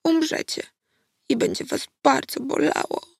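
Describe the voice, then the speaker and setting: A woman's voice: high voice, unhurried, gravelly, darkish tone, no echo, studio quality, voice pushed up. A woman reading an audiobook, voicing a frightened, traumatized little girl who speaks in a trembling whisper.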